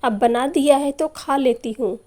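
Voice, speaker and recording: A woman voicing a sharp-tongued, grumbling older mother-in-law in a read-aloud moral story. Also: sits high, a little slow. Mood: scolding. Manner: scolding, complaining.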